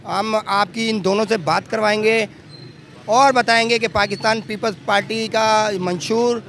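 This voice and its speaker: Guy with a pretty high voice hosting an on-location interview, formal, lots of uh pauses. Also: fairly even intonation, vocal fry, fairly bright tone, slight background noise. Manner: formal presenter, frequent filler pauses. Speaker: interviewer and channel host. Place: busy party office.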